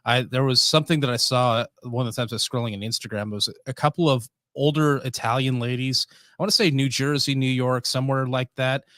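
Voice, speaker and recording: A man co-hosting a casual podcast chat, talking in an easygoing, halting way. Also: mid-range voice, fairly even intonation, a bit bright, dry recording, studio quality. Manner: easygoing, halting with fillers and restarts. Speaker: podcast co-host.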